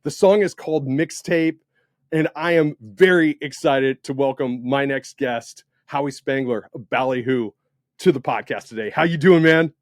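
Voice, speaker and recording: A man hosting a podcast in a casual interview, talking with enthusiasm and big swings in loudness. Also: medium pitch, moderate pace, no room sound, clean studio sound. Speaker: podcast host.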